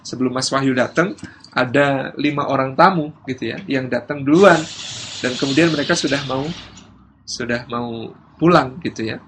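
A man's voice: medium pitch, normal speed, pauses often, noisy background. A man from Indonesia giving a religious talk on parenting, acting out parents and children in raised voices. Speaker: preacher.

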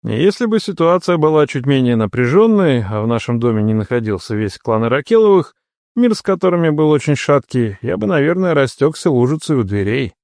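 A man reading a first-person novel aloud as an audiobook narrator, expressive, on a close studio mic. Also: medium pitch, brisk, no room sound. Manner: expressive storytelling.

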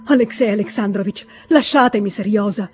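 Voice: medium pitch, fairly quick, soft background music, lightly acted. A reader voicing a distraught young aristocratic wife, pleading and agitated, in an audiobook reading.

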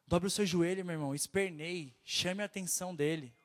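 A man with a Brazilian Portuguese accent delivers an impassioned sermon, his voice noticeably nasal and pitched high for a man. He exhorts the congregation again and again, speaking with urgent fervor. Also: a little fast. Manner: fervent, exhorting, keeps repeating "my brother". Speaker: preacher.

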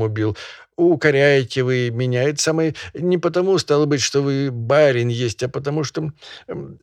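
A man voicing a timid old peasant poacher who pleads with his master in a high, trembling, stammering voice. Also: vocal fry, no echo. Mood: earnest, pleading. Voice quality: high trembling falsetto with hesitant "e" fillers.

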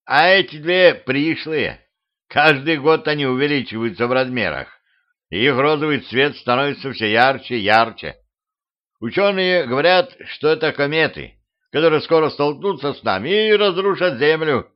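A man voicing an unhurried old village carter who explains things in a slow, folksy way. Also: fairly high pitch, lively intonation, dull audio, pitched above the performer's own voice, natural voice. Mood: calm. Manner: slow, folksy, matter-of-fact.

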